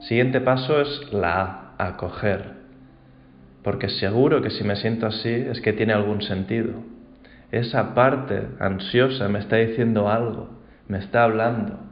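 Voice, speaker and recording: A man gives a calm, reflective mindfulness talk. His voice sits fairly low, and the recording sounds roomy and a little dull. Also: unhurried, faint music behind. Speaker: mindfulness teacher.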